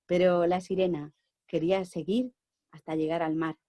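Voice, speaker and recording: A woman with a Spanish accent from Spain, working as an oral storyteller and educator, tells a children's story with animated delivery that shifts between bright and hushed. Her voice is on the low side at normal speed, in a dry recording.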